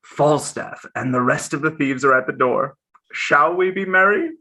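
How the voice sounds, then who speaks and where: An actor reading a witty, boastful young prince in a Shakespeare play, with teasing theatrical declamation. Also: male voice, a little high, moderate pace, sharp tone. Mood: playful musing.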